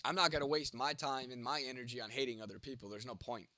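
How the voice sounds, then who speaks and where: A man's voice: mid-range voice, fairly even intonation, fast talker, bright, forceful tone, dry recording. A young man hosting a casual livestream, rambling and swearing as he answers chat comments by name, with a sore throat and a cough. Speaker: livestream host reading chat.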